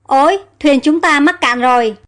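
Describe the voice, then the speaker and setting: A woman's voice: sits high, moderate pace, fairly bright tone. A woman reading the alarmed calls of male soldiers in an audio story.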